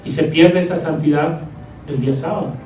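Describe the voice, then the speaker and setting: A man delivers a sermon in a conversational, teaching manner, often pausing to check that his listeners follow. His voice is mellow and sits fairly high for a man. He is recorded from some way off in a reverberant church, with faint music underneath. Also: steady tone, distant mic. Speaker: preacher. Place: church hall.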